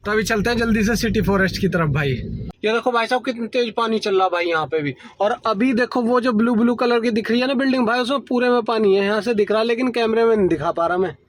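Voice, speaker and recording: A man's voice: high voice, fast, rough recording. A man in his thirties filming a casual family vlog outdoors, talking chattily to viewers as he shows flooded streets on a handheld phone camera. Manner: chatty, keeps calling viewers "bhai sahab". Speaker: family vlogger. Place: outdoors by flooded roads, partly from a car.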